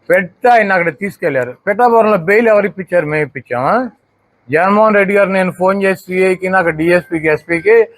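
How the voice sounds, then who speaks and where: A man speaks at a press meet in a combative tone, stacking up rhetorical questions. His voice sits high for a man and sounds close and dry, with almost no room around it. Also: a bit bright, no room sound. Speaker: political spokesperson at a press meet. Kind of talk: heated political press statement.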